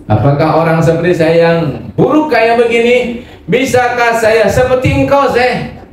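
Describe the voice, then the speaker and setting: A man's voice: very high-pitched, moderate pace, slight background noise, voice pushed up. A man voicing a remorseful drunk young man who pleads earnestly. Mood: pleading. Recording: echoey hall from far off.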